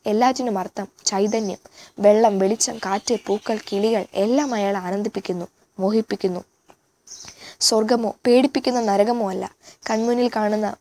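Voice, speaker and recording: Mellow-voiced woman reading a novel aloud. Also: mid-range voice. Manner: measured, expressive reading with an unedited slip. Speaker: audiobook reader. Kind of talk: literary narration of a novel.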